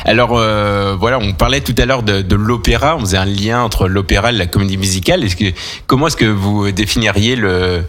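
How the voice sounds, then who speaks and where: Low-voiced hesitant male radio host. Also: brisk, a bit bright. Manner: hesitant, many fillers while forming questions. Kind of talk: radio interview.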